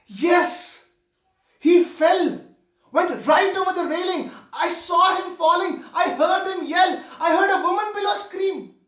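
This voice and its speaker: Heard from far off in a roomy space, a man acts out the part of a young usher flustered on his first theater night, stammering through a nervous confession. The delivery is heavily acted, very high, slow, and fairly bright.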